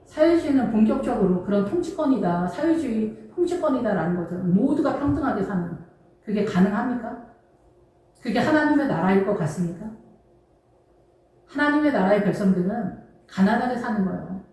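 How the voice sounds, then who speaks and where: A woman's voice: medium pitch, expressive, moderate pace, warm tone. A woman pastor preaching a sermon, emphatic and conversational, full of rhetorical questions. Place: church. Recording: distant mic in an echoey church hall.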